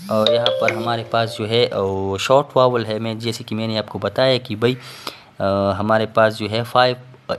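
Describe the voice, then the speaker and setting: Patient male teacher explaining. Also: mid-range voice. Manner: explains patiently, repeats "theek hai" and fillers. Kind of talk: recorded classroom lecture.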